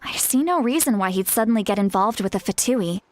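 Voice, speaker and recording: An actress playing an earnest, caring woman guide in a fantasy video game, speaking in a measured, explanatory way. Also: medium pitch, animated, close to an everyday voice. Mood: earnest, pleading. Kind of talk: scripted video game dialogue.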